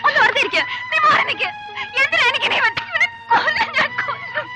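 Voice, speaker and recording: An actress playing a proud, furious mother who scolds and throws out her son, shouting in anger. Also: very high voice, lively intonation, brisk, faint music behind, exaggerated voice. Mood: scornful. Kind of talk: film dialogue.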